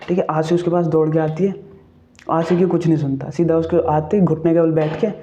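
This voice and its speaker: A man's voice: fairly high pitch, flat delivery, fairly quick, warm tone, highs cut off. A man casually retelling a ghost story, chatty, checking in with the listener and asking questions as he goes.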